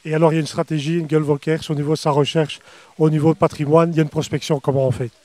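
A man's voice: on the high side, little pitch movement, rapid-fire, a little mellow, no echo. A middle-aged man hosting interviews at an evening reception, chatty and upbeat, talking into a handheld microphone outdoors. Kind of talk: event interview.

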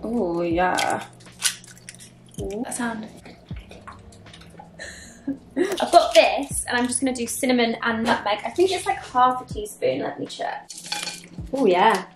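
A woman's voice: fairly high pitch, takes it slowly, long pauses, roomy sound, noisy background. A woman, chatting upbeat to a handheld camera in her home kitchen. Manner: chatty and upbeat, lively exclamations. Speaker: vlogger. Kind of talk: casual chat to camera.

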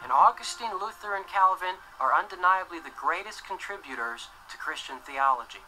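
Young male documentary presenter, earnest and measured, very bright voice, soft music under. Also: high-pitched, lively intonation, poor audio. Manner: measured, earnest, gestures while explaining. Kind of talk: scripted documentary narration. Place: dim indoor set.

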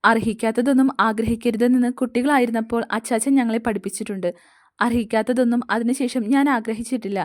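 A woman voicing a troubled young man who haltingly confesses a crime in an audio story. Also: fairly high pitch, fairly even intonation, close to an everyday voice. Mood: remorseful. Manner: halting, guilt-ridden confession.

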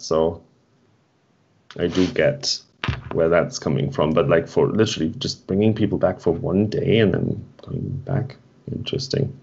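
A man co-hosting an online meetup stream, chatting casually and rambling as he reads and answers the chat. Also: sits low. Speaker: meetup co-host. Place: home. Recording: dull lo-fi stream audio.

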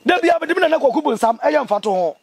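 A young Ghanaian man giving an impassioned interview, speaking in an emphatic, indignant and animated way. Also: very high-pitched, very fast, vocal fry. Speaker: interview guest, traditional priest. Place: outdoors among trees.

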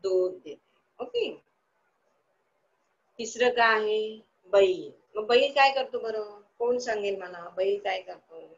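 Slow, coaxing woman teacher. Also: mid-range voice, animated, highs cut off, a little hiss or hum. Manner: asks the class questions and answers them herself; sing-song, coaxing. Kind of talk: online class lesson for young children.

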